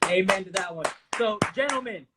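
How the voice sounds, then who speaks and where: A man's voice: sits high, lively intonation, a little fast, very noisy. A man hosting an interview, enthusiastic and chiming in with agreement. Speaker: host. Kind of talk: casual interview talk.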